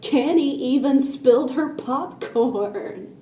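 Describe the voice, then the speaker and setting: A woman reading a children's story aloud, slowly and deliberately, and adding her own spoken sound effects. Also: high voice, mellow, distant mic. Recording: echoey room with faint noise.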